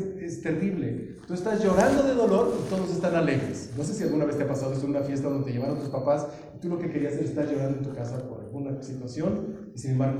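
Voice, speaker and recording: A pastor delivers a lively sermon, swinging from quiet asides to sudden loud emphasis. His voice sits slightly high for a man. It is picked up from a distance in a very reverberant hall, with clear noise underneath. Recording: very echoey hall, heard from afar with clear noise.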